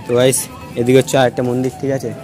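Fast-talking young man vlogging outdoors. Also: completely flat delivery, over music. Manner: chatty, repeats filler phrases, lowers voice to near-hushed at times. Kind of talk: casual walking vlog commentary. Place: outdoors at a temple garden.

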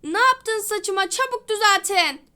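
A woman voicing a fussy, complaining adult salon customer in a toy role-play, with a loud, dramatic manner. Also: very high-pitched, lively intonation, a little slow, pitched above the performer's own voice, heavily acted. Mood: outraged.

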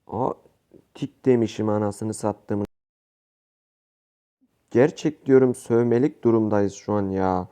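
Gaming YouTuber, male, mellow tone, excitable slangy commentary. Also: lowish voice, slow pace, long pauses, smooth. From Turkey. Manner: excitable, pleading and swearing at teammates, slangy. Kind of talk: live gameplay commentary.

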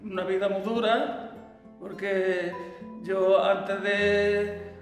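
A man in his seventies speaks slowly in a flat, rather high voice, stopping and starting often. The room is very echoey with a long reverb, and soft guitar plays behind him. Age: 70s. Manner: halting, with many fillers. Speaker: interviewee, farmer. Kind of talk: reminiscing interview. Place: room at home.

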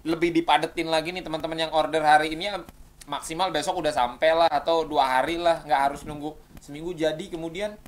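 A man's voice: a little high, fairly even intonation, quick pace. A man hosting a casual interview chat, teasing and chatty, with many hesitant fillers. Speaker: host.

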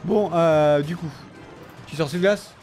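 A tired man casually commenting on his own game, excitable and talking to himself and his opponent. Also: a little high, takes it slowly, faint music behind. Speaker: gaming video host.

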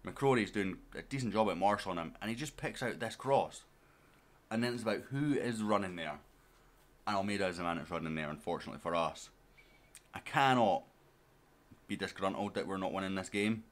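A man's voice: low voice, fast talker. A man giving casual let's-play commentary as a gaming YouTuber, chatting straight to his viewers and to his players.

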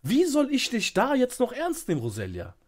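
A man's voice: extremely high pitch, wildly swooping pitch, normal speed. A man streaming a roleplay game, arguing heatedly in voice chat and openly calling himself hot-tempered. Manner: confrontational, loud, calls himself hot-tempered. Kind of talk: heated out-of-character argument.

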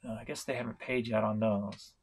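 A middle-aged man from St. Louis, Missouri, giving a casual vlog update on his online reselling, talking in a slow, rambling way with many fillers and restarts. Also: fairly low pitch, steady tone, breathy edge. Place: home room, indoors.

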